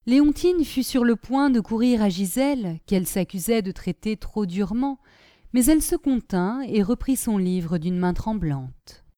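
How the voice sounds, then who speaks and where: Woman, audiobook narrator, animated intonation, dry close recording. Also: mid-range voice, moderate pace, no echo. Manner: expressive storytelling.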